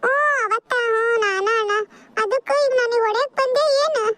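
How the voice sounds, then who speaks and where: A woman's voice: very high-pitched, moderate pace, fairly bright tone, no echo. A woman voicing a wary, timid village boy in a cartoon. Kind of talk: cartoon voice acting.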